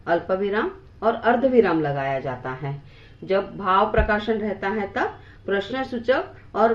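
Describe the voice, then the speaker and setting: A woman teaching a grammar lesson in a slow, measured way, pausing on examples. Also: mid-range voice, muffled recording.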